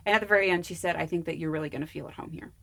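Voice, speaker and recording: A woman's voice: lowish voice, rapid-fire, creaky. A young woman actor as a podcast guest, chatting casually in an earnest, enthusiastic way. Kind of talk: casual chat.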